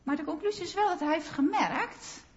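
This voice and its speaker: A woman preaching a sermon in a slow, earnest way, pressing on key phrases. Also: extremely high pitch, muffled recording.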